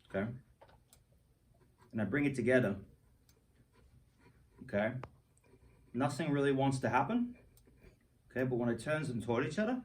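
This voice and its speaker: A man's voice: mid-range voice, far from the mic, rough recording. A man hosting a goofy hands-on science demo for kids, joking and rambling with lots of restarts. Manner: playful, jokey, rambling with restarts. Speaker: science show host.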